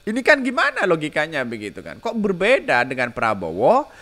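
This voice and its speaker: Lively, bright-voiced male commentator. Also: fairly high pitch, a little fast. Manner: mocking, with repetitive filler tags. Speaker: podcast news commentator. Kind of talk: solo political commentary.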